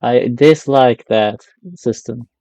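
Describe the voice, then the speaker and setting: While live-streaming a game, a man with an Argentinian accent, a native Spanish speaker, chats loosely and casually. His smooth, mellow voice sits at an ordinary pitch, and he speaks slowly. The sound is close, dry, echo-free and muffled, with soft background music.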